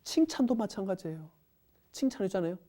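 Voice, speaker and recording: 생동감 넘치는 여성 강연자. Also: female voice, mid-range voice, a little fast. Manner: animated, acts out the people she describes. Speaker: parenting educator, lecturer. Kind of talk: parenting lecture.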